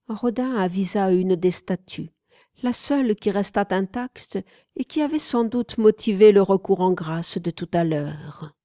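A woman reading an audiobook in scripted narration, with a measured, even storytelling manner. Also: fairly low pitch, no room sound, studio quality. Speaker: audiobook reader.

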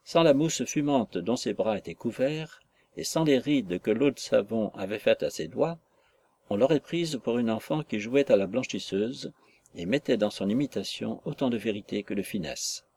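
A man narrating a classic novel in a measured, literary storytelling manner. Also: mid-range voice, animated, creaky, dark tone. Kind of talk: audiobook narration.

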